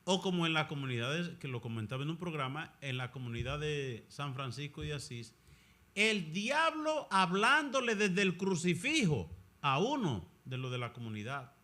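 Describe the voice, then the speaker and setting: Animated, bright-voiced male priest. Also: fairly high pitch, normal speed. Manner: animated, acts out other people's voices. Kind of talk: conversational discussion.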